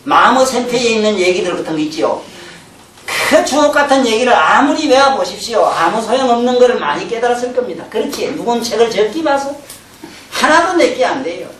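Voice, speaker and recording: A Buddhist teacher gives a colloquial, animated sermon, often acting out everyday talk and laughing. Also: medium pitch, brisk. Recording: roomy hall from a distant mic, faint hum.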